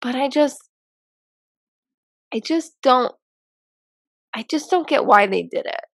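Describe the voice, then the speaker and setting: A woman's voice: high voice, animated, no echo. A woman co-hosting a casual chat, speculating and restarting her sentences as she thinks. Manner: halting, restarts often, speculative. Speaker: podcast co-host. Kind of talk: casual chat about a TV episode.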